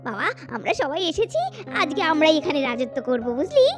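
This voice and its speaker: A woman voices a little schoolgirl doll in a children's cartoon, her high voice sing-song and a little fast over background music. The character is gossipy and catty, bickering, scolding and teasing in a childish, colloquial way.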